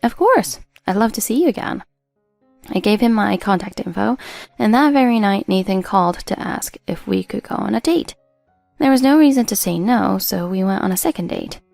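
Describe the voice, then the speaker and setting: A woman reading a first-person drama story as a narrator in a steady storytelling delivery. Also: mid-range voice, normal speed, creaky, dry recording, soft background music.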